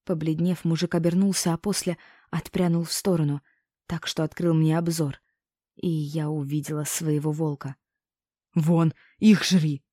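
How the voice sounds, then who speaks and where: A woman's voice: deep voice, flat delivery, normal speed, mellow, no room sound, clean studio sound. A woman narrating a first-person story as an audiobook, telling it expressively and voicing the characters.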